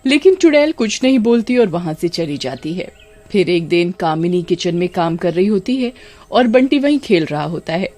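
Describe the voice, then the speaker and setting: Female storyteller, steady scripted narration of a scary tale. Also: lowish voice, normal speed.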